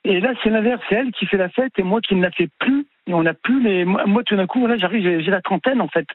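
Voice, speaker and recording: A man in his sixties speaks on a tinny, dry phone line, and his voice sits high for a man. He tells his story haltingly, stalling and repeating words as he goes. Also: no room sound. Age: 60s. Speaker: caller. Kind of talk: telling his life story on a call-in show.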